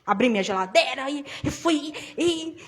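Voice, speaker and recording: A woman's voice: high-pitched, animated, moderate pace, fairly bright tone. A woman with a Brazilian accent preaching an informal church sermon, chatting with the congregation and telling personal stories. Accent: Brazilian Portuguese. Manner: conversational, tells personal stories, addresses the congregation as brothers.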